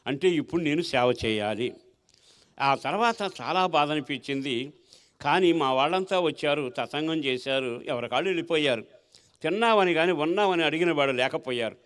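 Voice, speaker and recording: Male pastor, emotional testimony sermon, clear smooth voice kinda high. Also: a bit bright. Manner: storytelling with rhetorical questions, emotional swings.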